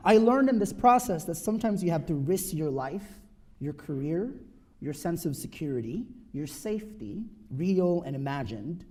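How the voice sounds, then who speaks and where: A man in his thirties from the Philippines addresses an audience with an earnest, emphatic personal talk, often asking a quick "right?" to check in. He sits on the high side with a dark tone.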